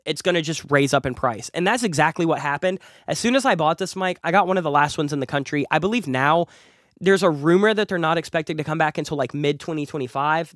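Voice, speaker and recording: With a fairly high, slightly bright voice, a young adult man hosts a casual gear review, eager and talkative, repeating words to stress them. He's a music producer and YouTube host, sounding a bit nasal from a cold. He's right up on a large studio condenser, and the recording is dry.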